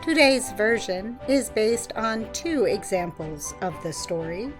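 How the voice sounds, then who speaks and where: Slow, careful female host over music. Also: mid-range voice, lively intonation. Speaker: program host. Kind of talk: scripted learner-friendly introduction.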